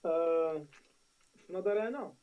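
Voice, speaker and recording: A man's voice: a little high, a little slow, far from the mic, phone-quality sound. A man with a Moroccan accent in a casual tech discussion, speaking emphatically, repeating phrases and switching into French. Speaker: tech talk panelist.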